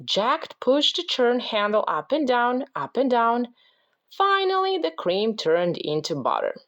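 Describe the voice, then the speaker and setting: A woman reading a children's picture book aloud as a parent, with slow, expressive storytelling. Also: on the high side, lo-fi sound.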